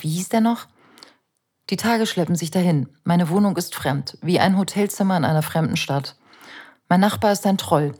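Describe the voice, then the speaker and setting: A woman reading her own memoir aloud in a measured, introspective and anxious way. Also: lowish voice, darkish tone, husky. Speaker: narrator.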